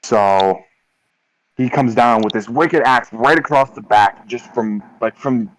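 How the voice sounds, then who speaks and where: A man acting as game master, describing a tabletop combat in vivid, unhurried detail with frequent ums. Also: medium pitch, a little hiss or hum, rough recording.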